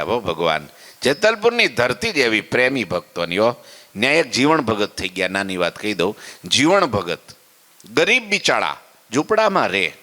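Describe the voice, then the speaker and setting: A man telling a sermon story, animated, with exclamations and hushed asides. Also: on the low side, long reverb tail. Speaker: preacher giving a religious discourse.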